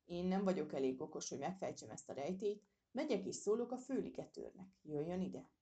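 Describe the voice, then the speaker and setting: Lady doing a grumbly park keeper guy, mutters and huffs, lowish dark voice. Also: expressive, lightly acted. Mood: grumbling. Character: grumbling uniformed park keeper, slow-witted older man.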